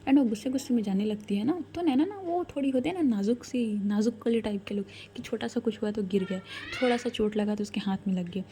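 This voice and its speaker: Chatty woman storyteller, mellow voice. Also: fairly high pitch, a little fast, hardly any pauses, slight background noise. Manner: chatty, addresses listeners directly. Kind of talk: casual spoken storytelling.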